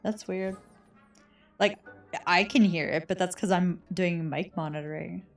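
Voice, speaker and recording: A woman's voice: fairly low pitch, measured pace, far from the mic. Woman streamer on a tinny, tin-can mic. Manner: giggly, hums to herself. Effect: tinny, echoing mic, like inside a tin can. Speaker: streamer playing a video game. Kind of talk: casual chat while gaming. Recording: hollow mic from off-mic with game music.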